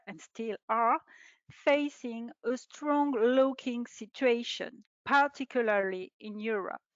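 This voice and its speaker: A middle-aged woman, a researcher, reading a prepared presentation in a measured, formal way over a video call. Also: fairly high pitch, fairly bright tone, no echo. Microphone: video call webcam. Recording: dull lo-fi webinar audio.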